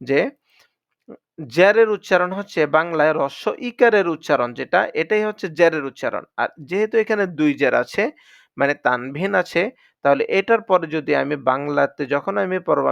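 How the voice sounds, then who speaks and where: A man's voice: a little high, lively intonation, moderate pace, creaky, fairly bright tone, dry recording. A man teaching Quran reading, patiently drilling letter sounds one by one. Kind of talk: spoken lesson. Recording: dry, dull lo-fi sound.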